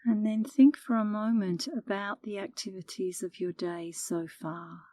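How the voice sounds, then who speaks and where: A middle-aged woman leads a guided meditation as an instructor, speaking close to the microphone in a calm, soothing, unhurried way. Her voice is mid-range. The recording has no echo but is rough.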